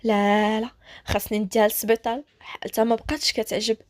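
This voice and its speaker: A stern, blunt older brother with a Moroccan accent, played by a woman narrator in her own fairly high voice. He snaps his lines out quickly, in a spoken storybook. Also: little pitch movement, close to an everyday voice. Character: gruff protective older brother.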